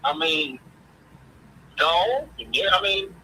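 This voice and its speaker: A man's voice: a little high, expressive, slow pace, bright, forceful tone, slight background noise, poor audio. A man with a folksy Southern drawl from Mississippi, chatting casually about sports as a show host.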